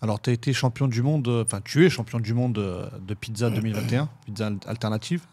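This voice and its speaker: A man hosting a podcast interview in a studio, asking relaxed, casual questions. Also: fairly low pitch, fast talker, slightly rough. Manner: lively sponsor read, then relaxed questions. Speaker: podcast host.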